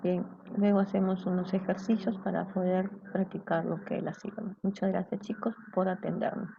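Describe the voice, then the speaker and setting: A woman's voice: fairly low pitch, flat delivery, moderate pace, creaky, breathy edge, no room sound. A woman teaching a grammar lesson to students, explaining step by step and often checking in with them. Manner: explanatory, checks in with "¿cierto?" and "¿bien?". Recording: dull lo-fi sound.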